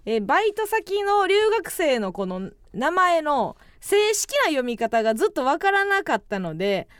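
A high-voiced woman with a Kansai accent hosts casual comedy radio. Her delivery swings up and down with blunt, teasing comebacks, and the sound is close and dry. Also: sing-song, normal speed, no echo. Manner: blunt, teasing comic retorts. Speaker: radio show co-host. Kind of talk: comedic casual radio banter, reading listener letters.

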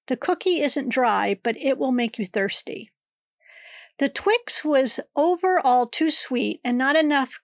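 Talking on her own in a casual episode of her podcast, a middle-aged woman sounds congested and drifts along in a chatty, personal, rambling style. Her voice is high, and the clean studio audio carries no echo.

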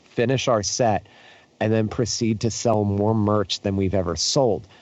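A man's voice: lowish voice, unhurried, a little mellow, dull audio. A young man in casual chat, telling tour stories in a rambling, profane way with lots of fillers and restarts. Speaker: podcast guest, touring musician.

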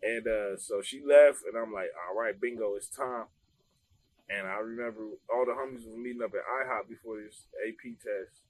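A young man telling a casual story among friends, animated and laughing, full of slang and swearing. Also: fairly low pitch, moderate pace.

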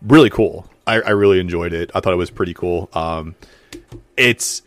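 A man's voice: sits low, normal speed. A man hosting a casual podcast chat, talking animatedly with frequent fillers and laughs. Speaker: podcast host.

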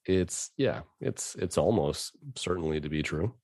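A man's voice: deep voice, unhurried, darkish tone, dry recording, clean studio sound. A man co-hosting a casual sports podcast, joking and swearing freely. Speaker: podcast co-host. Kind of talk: casual chat.

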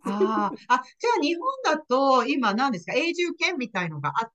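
A woman's voice: sits high, very animated, fairly quick, a bit bright. A woman hosting a podcast interview in casual chat, often nodding along with short agreements and laughing. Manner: frequent nodding backchannels and laughter. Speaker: podcast host, ICU nurse.

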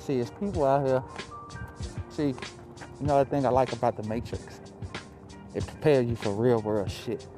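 A man speaks at normal speed with a medium-pitched voice and long pauses while hosting a casual motivational podcast. He uses swearing and repetition for emphasis, and his speech is slightly muffled through a face mask at a close podcast mic. There's music behind him.

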